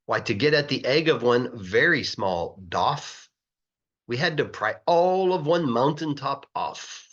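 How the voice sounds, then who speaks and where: Reading a rhyming picture book at a measured pace, this English teacher sounds highly animated, his medium-pitched voice lilting up and down in a sing-song pattern. He draws out important words to stress them. The audio has a slightly dull, lo-fi character.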